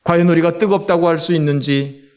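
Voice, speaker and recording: A middle-aged man from Seoul preaching a Sunday sermon as pastor in a church, pausing often with filler sounds. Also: on the high side, darkish tone. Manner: frequent filler sounds and drawn-out hesitations. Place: church sanctuary.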